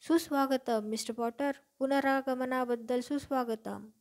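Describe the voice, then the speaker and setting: A woman voicing an old innkeeper overcome with reverence, his words coming out tearful and hushed with awe. The voice is fairly high, with a soft, emotional edge. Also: steady tone, unhurried. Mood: awed.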